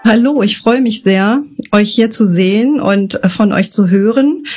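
A woman's voice: medium pitch, measured pace, a little mellow, faint music behind. A woman hosting a podcast interview, asking her guests friendly questions.

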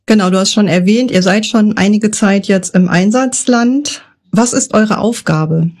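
A woman's voice: mid-range voice, a little slow, darkish tone. A woman hosting a podcast interview, asking her guests friendly questions.

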